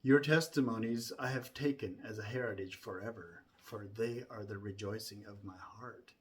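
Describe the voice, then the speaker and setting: A man reciting scripture from memory in a solemn, deliberate way, starting phrases with emphasis and softening toward the ends. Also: lowish voice.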